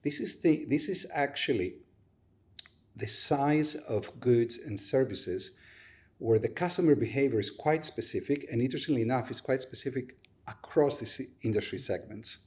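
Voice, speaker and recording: A man's voice: mid-range voice, lively intonation, normal speed. A man who co-founded a startup, a guest on a podcast, laying out his business model step by step with everyday examples. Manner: methodical, builds points with everyday examples. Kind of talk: explaining a business model in an interview.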